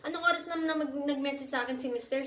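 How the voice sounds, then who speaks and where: A woman's voice: sits high, rapid-fire, roomy sound. A woman from the Philippines chatting casually in a home vlog, sometimes coaxing her child in a mommy tone. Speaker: vlogger and mother. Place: indoors at home, bedroom.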